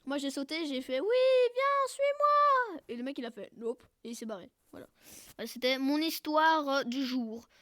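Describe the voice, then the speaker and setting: A woman giving casual, jokey gameplay commentary who keeps bursting into loud shouts and cries. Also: high-pitched, fairly quick, no room sound, studio quality. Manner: jokey, self-mocking. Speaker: gaming video creator.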